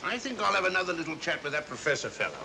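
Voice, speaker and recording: An actor playing an officious, blustering British police inspector in a 1940s film, quick to indignation. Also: male voice, on the high side, big pitch swings, gravelly. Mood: officious, gruff. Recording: noisy 1940s film soundtrack.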